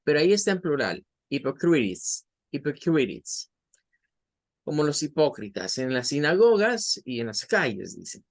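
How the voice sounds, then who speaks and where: A man teaching English vocabulary to Spanish speakers, explaining slowly and patiently, spelling out words and repeating each syllable. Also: a little high, big pitch swings, gravelly. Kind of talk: bilingual vocabulary lesson.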